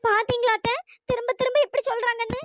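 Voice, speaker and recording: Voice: extremely high pitch, level tone, fast, a bit bright, dry recording. A performer voicing a scheming young woman who complains to her aunt in a cartoon. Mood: pleading. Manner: complaining, pleading. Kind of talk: cartoon voice acting.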